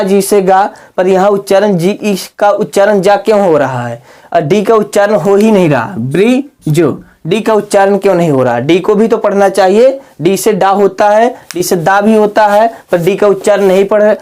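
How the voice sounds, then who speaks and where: High-voiced man teaching in a slow, questioning style. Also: a little mellow, clean tone. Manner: asks questions, then answers them himself; slow, drawn-out spelling aloud. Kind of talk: casual video lesson.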